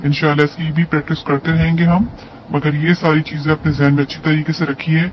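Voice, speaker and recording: A man's voice: on the high side, flat delivery, fairly quick, dull audio, a little hiss or hum. A man with an Urdu accent teaching Quran recitation rules patiently, drawing out each recited example. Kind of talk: tajweed lesson with slow recited examples.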